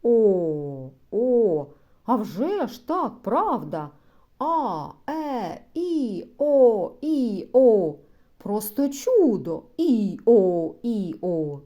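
Woman doing a loud excitable rich guy, hot-tempered and naive, bouncy up and down voice. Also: sits high, a little slow, muffled recording, pitched above the performer's own voice. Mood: delighted. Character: hot-tempered naive bourgeois man, eager and boastful.

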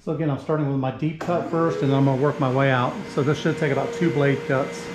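Speaking quickly at a medium pitch and in a level tone, a middle-aged woodworking host gives casual how-to narration while he works. He keeps it plain and talks through each step. The sound comes from a camera mic in an echoey garage shop with faint noise.

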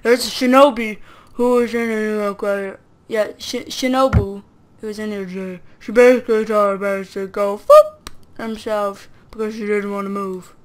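A woman's voice: mid-range voice, fairly even intonation, normal speed. A young woman playing a video game with a friend, reading the characters' lines aloud in a silly, slurred voice. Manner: silly put-on drunk voice while reading characters. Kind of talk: casual let's play chat.

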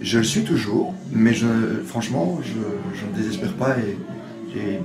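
A Belgian singer, being interviewed in a small backstage kitchen at a bar, chats casually and hesitates often. His mid-range voice is animated and moves at a moderate pace, with music playing in the background.

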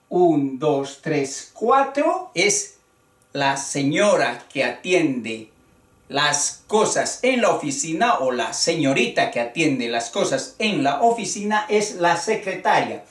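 Very slow teacher in an echoey room. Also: mid-range voice, far from the mic. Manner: deliberate, spells out syllables one by one. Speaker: Spanish teacher. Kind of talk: spoken grammar lesson. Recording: echoey room, voice away from the mic.

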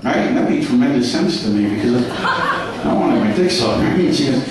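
A man's voice: mid-range voice, animated, moderate pace. A man doing a crude, brash stand-up set on a comedy club stage. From New York. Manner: crude, brash punchlines to a laughing crowd. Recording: echoey club heard from a distance.

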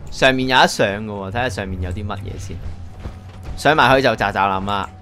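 A man's voice: fairly low pitch, brisk, bright, forceful tone, soft background music. A man with a Hong Kong Cantonese accent giving a casual, chatty game walkthrough, thinking aloud as he plays. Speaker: gaming YouTuber.

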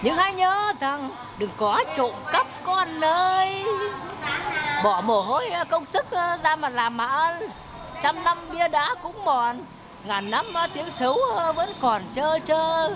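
Woman playing a brash loud-mouthed village wife. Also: high-pitched, lively intonation, takes it slowly. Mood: lecturing. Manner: scolding, earthy and blunt. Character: brash sharp-tongued Northern village woman, scolding and loud. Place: outdoor market street. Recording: outdoor street with crowd and traffic noise.

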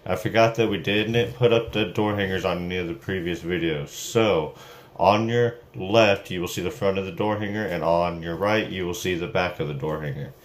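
A man's voice: low voice, moderate pace. A young man who runs a small junk removal business, talking casually to his phone camera with lots of fillers, partly from his car. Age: young adult. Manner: plain, upbeat, chatty with many fillers. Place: in a car, then in a small room at home. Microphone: phone camera at arm's length. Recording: noisy phone recording with vehicle sounds.

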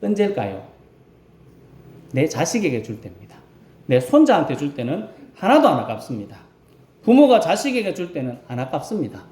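A male rural pastor preaches an animated Sunday sermon in a church sanctuary, asking his congregation questions and acting out voices as he goes. His voice is on the high side, at a moderate pace with frequent pauses, and the room has a roomy church echo.

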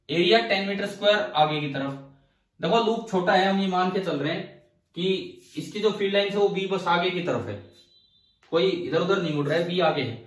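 Man, physics teacher, classroom lecture, high-pitched voice, quizzes the class and answers himself, recorded at a distance. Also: a bit bright, echoey room. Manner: asks the class questions and answers them himself; repeats key phrases to drive points home.

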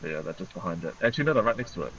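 A man co-hosting a game session, chatting excitedly, swearing and laughing at tense moments. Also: low voice, rapid-fire, a crowd in the background. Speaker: gamer co-host. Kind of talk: excited gameplay chat. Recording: game sounds noisy behind voice.

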